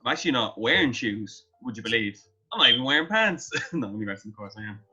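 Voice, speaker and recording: A man with an Irish accent hosting a relaxed online gathering, teasing the guests and laughing often. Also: mid-range voice, quick pace. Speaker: host. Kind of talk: casual joking chat. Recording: slightly dull audio with faint music behind.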